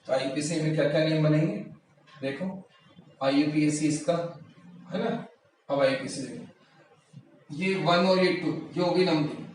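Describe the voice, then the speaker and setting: A man teaching a chemistry lesson, repeating key terms and asking himself rhetorical questions, recorded in a room from a distance. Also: on the high side. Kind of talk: classroom lecture. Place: classroom or coaching room. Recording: very echoey room, mic at a distance, faint noise.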